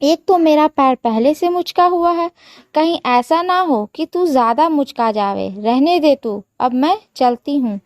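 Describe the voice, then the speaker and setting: A woman voicing a harsh, scornful middle-aged mother-in-law who taunts and scolds, in a slow storybook telling. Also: sits high, lively intonation, darkish tone, no room sound, clean studio sound, pitched above the performer's own voice. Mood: scolding.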